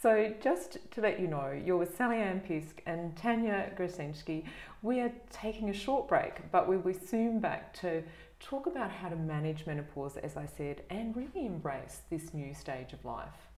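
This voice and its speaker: A middle-aged woman hosting an interview, speaking gently and reflectively with frequent pauses and fillers. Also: lowish voice, lively intonation, roomy sound. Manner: gentle, reflective, with many ums and uhs. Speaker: host. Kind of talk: conversational interview.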